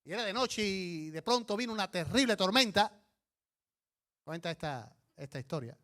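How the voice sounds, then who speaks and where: A male pastor preaching a sermon, telling stories with emphatic, animated delivery. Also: high voice, normal speed.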